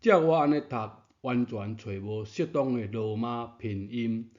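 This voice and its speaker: In this dull, lo-fi recording, a man who teaches Taiwanese narrates a pronunciation lesson at a slightly slow pace, his medium-pitched voice carrying a darkish tone. He repeats the main points patiently and throws in rhetorical questions as he explains.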